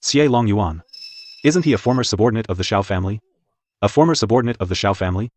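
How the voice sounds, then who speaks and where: A man's voice: lowish voice, expressive, fast, darkish tone. A man playing an uneasy court official serving an emperor in a dubbed period drama. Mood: anxious, deferential.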